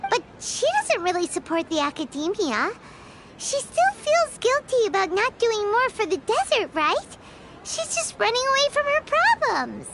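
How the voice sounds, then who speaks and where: A woman voicing a tiny, cheeky, chatty childlike fairy companion in a video game, in a squeaky voice. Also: big pitch swings, moderate pace, noisy background, heavily acted. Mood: curious. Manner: squeaky, refers to self in third person.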